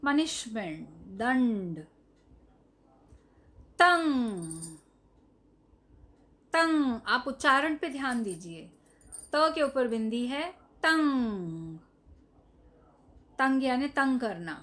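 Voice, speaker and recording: A woman teaching Hindi to young children in a recorded lesson, saying each word slowly, repeating it and explaining what it means. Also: high voice, sing-song, fairly bright tone. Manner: slow, drawn-out, repeats each word and its meaning; addresses the children directly, asking them to say the word. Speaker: primary school Hindi teacher.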